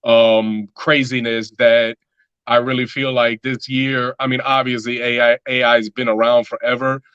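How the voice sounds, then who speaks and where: A man's voice: medium pitch, flat delivery, a little slow, a bit bright, clear, resonant tone, no echo, dull audio. A man talking as a musician guest in a casual interview, loose and rambling with lots of filler words.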